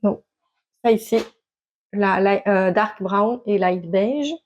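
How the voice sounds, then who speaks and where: A woman's voice: mid-range voice, steady tone, slow pace, a little mellow, dull audio. A woman chatting casually to camera about her knitting, hesitant with many fillers and restarts. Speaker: knitting vlogger. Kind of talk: casual show-and-tell chat to camera.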